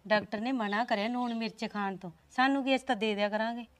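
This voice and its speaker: A woman's voice: a little high, fairly even intonation, quick pace, natural voice. A woman playing a scheming daughter-in-law who sweet-talks her husband's family. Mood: placating. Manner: placating, sweet-talking.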